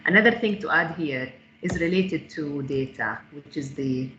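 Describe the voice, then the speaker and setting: Woman taking panel questions on a call, halting with lots of uhs, bright tone, roomy muffled audio. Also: low voice. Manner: hesitant, many fillers and restarts. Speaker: startup founder answering audience questions. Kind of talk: online panel Q&A. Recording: echoey, dull call audio with faint noise.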